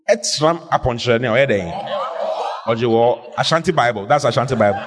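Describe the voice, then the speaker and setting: A man with a mid-range, husky voice delivers a lively sermon in a reverberant church hall. He's animated, calling out questions and drawing answers back from the congregation in call-and-response.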